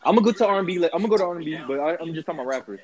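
A man's voice: fairly high pitch, expressive, very fast, darkish tone. A man in his twenties hosting with casual, slangy interview banter. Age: 20s. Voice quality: slangy delivery. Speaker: host.

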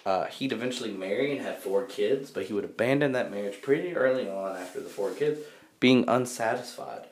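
A man's voice: lowish voice, a little fast. A young man co-hosting a casual podcast, reading from notes with lots of fillers and easy laughter. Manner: reads notes with many fillers, laughs easily. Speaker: podcast co-host presenting the topic.

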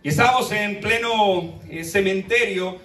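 A man's voice: high voice, unhurried, a bit bright. A man preaching a Sunday sermon, telling stories and building points through emphatic repetition. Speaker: pastor. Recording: echoey room, from a distance.

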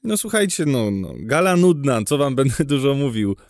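A man's voice: medium pitch, very animated, moderate pace, a little mellow, no room sound, studio quality. A man co-hosting a podcast, chatting casually about film in a dismissive, mocking way. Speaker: podcast co-host.

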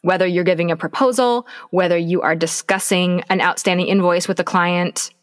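A woman's voice: fairly low pitch, steady tone, fairly quick. Woman podcast cohost, casual chat but coaching hard, says the same point again and again. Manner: emphatic, coaching, repeats key points. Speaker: podcast co-host.

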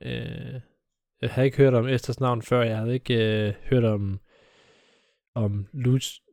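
A man's voice: mid-range voice, level tone, gravelly, a little mellow, no echo, clean studio sound. A young man co-hosting a casual podcast chat, joking and hesitant with many fillers. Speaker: podcast co-host.

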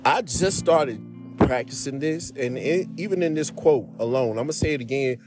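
A man's voice: mid-range voice, moderate pace, music in the background. Earnest man giving casual relationship advice. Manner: earnest, conversational, addresses viewers directly with "man" and "y'all". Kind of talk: casual heartfelt advice talk.

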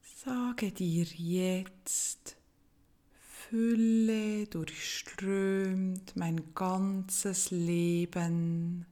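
Female meditation guide: soft, breathy and soothing, mellow low-leaning tone, extremely unhurried delivery with long pauses. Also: steady tone.

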